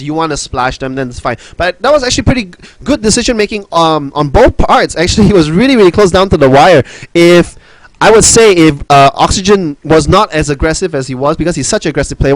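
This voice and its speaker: A young man casting a strategy game match alone, rambling excitedly with many restarts and fillers, out of breath after a big fight. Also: fairly high pitch, no echo, poor audio. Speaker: esports caster. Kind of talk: solo play-by-play game commentary.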